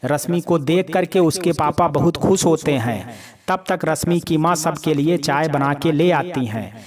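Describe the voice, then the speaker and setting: A man narrating a family drama in a measured, descriptive way, with crowd noise behind. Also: a little high. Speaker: storyteller.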